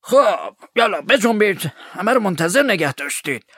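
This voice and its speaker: A man doing a brusque loud Welshman. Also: high voice, big pitch swings, no echo, studio quality, pitched above the performer's own voice, heavily acted. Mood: impatient. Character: gruff hurrying grown man, the Welshman.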